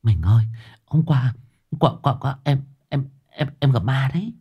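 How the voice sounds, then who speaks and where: A man voicing a frightened young village wife who stammers and pleads in a hushed, raised voice. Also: sits high, sing-song, moderate pace, vocal fry, slightly rough, dull audio, pitched above the performer's own voice, heavily acted. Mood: frightened stammering.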